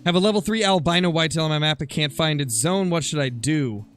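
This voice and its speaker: Over faint background music, a man with a somewhat high, slightly bright voice talks fast on a gaming livestream. He's a streamer replying to viewer comments in a relaxed, conversational way, thinking aloud between moves.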